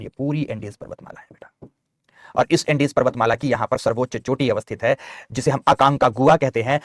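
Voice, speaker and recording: A man's voice: medium pitch, no echo. A man teaching a geography map lesson. He repeats key terms and calls his students "beta". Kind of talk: online map lecture.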